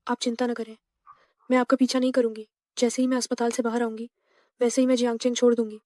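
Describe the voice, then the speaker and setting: A woman's voice: a little high, little pitch movement, fast talker, dark tone, no room sound, studio quality, close to an everyday voice. A woman playing a timid young wife. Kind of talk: dubbed drama acting.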